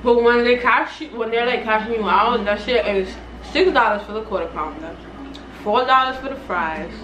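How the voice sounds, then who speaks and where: A woman's voice: on the high side, moderate pace, highs cut off. Woman talking while munching fries. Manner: casual slang-heavy talk. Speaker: mukbang co-host. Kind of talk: casual chat. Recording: roomy, distant, noisy recording.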